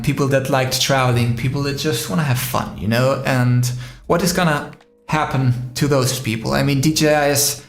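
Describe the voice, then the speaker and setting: A man's voice: medium pitch, reverberant. A man from Spain hosting a casual live stream, rambling with many fillers and answering viewers' comments. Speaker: drone live-stream host.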